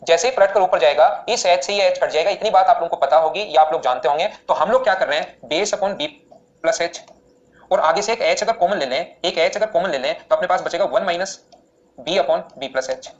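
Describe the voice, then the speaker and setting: A man teaching maths in a live online class, explaining steps rapidly and repeatedly asking students questions. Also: high voice, dull audio.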